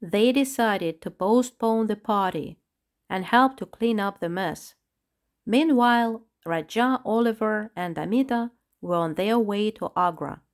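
A woman narrating a children's storybook with a steady, clear reading. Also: mid-range voice.

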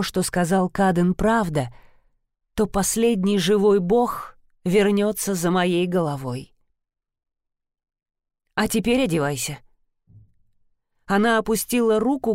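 A woman's voice: medium pitch, measured pace, pauses often, a little mellow, no echo, clean studio sound. A young woman narrating a first-person novel in a dramatic, tense storytelling manner. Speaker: audiobook narrator.

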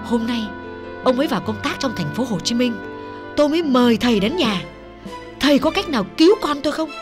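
A man's voice: very high voice, lively intonation, brisk, over music, pitched above the performer's own voice. A man voicing a middle-aged official's wife who pleads, chatters and confides a secret. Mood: pleading.

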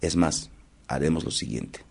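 A man's voice: rumbling low, unhurried, darkish tone, voice pushed down, full character voice. A man doing a crafty, drawling condor. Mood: scheming. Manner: drawling, scheming, smooth-talking. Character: crafty, commanding male condor.

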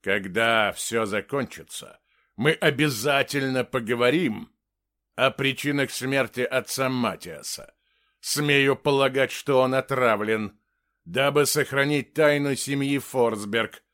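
A man reading an audiobook and voicing a stern, commanding man in authority, sharp and unyielding, who speaks slowly and deliberately. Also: medium pitch, dry recording, clean studio sound. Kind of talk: audiobook character voice.

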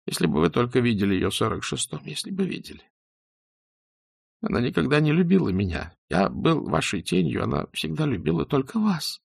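A man voicing a frightened middle-aged male doctor under interrogation, pleading and breaking into hysterical shouts. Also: on the low side, animated, moderate pace, gravelly, husky, no echo, clean studio sound, exaggerated voice.

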